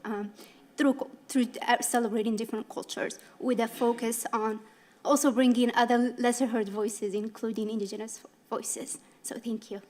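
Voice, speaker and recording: A woman's voice: fairly high pitch, fairly even intonation, normal speed, darkish tone. Hesitant young woman from Morocco. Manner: hesitant, many fillers and restarts. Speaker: appointee to cultural council. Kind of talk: brief public statement at a council meeting.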